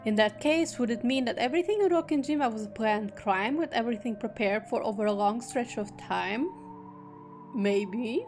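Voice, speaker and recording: Female streamer, slightly high voice, reads game text aloud and drops quick jokey asides. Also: over music. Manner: reads narration steadily, breaks off into joking asides. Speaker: streamer reading a visual novel aloud. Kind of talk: reading aloud with casual asides.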